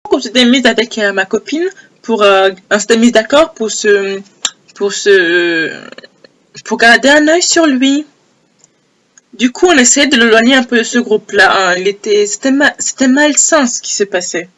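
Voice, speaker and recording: A young woman with a hoarse, low voice telling a personal story in a casual, animated way, repeating phrases for emphasis. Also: moderate pace. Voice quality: low broken voice. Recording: old homemade audio.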